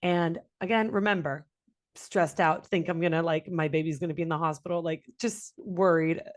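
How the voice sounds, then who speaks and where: A young woman co-hosting a podcast tells a story in casual chat, animated and swearing freely as she acts out what people said. Her voice sits on the low side at a normal speed.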